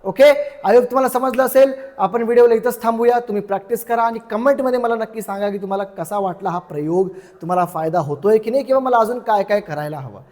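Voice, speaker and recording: A man teaching English through a story, explaining each word slowly and repeating its meaning, chatty and checking in with his listeners. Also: sits high, darkish tone, long reverb tail. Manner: chatty, checks in with "ठीक आहे".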